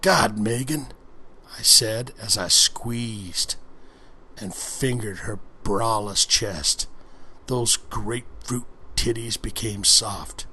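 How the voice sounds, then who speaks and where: A man reads an erotic book aloud in a casual ASMR style, interrupting the passages with crude, slangy, folksy comments. His voice is on the low side, slow, bright, husky, and forceful.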